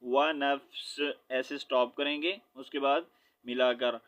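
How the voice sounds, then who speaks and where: A man teaching Quran recitation. He spells out letters slowly, chants the verses drawn-out, and explains quickly and patiently between them. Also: mid-range voice, flat delivery, fairly bright tone, clear, resonant tone. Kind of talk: tajweed lesson, spelling and reciting. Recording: dull lo-fi recording.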